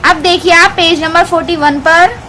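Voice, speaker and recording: A woman teacher from India giving an online lesson to young children, explaining a textbook page by page in a clear, instructive way. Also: extremely high pitch, fairly even intonation, normal speed, pushed and bright, a little hiss or hum. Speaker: primary school teacher.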